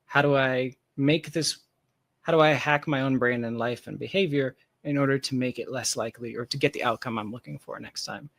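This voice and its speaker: Speaking fairly quickly in a mid-range, fairly bright voice with fairly even intonation, a software founder is interviewed as a guest. He explains his work casually and candidly, adding emphatic, self-deprecating asides, and the recording is dry.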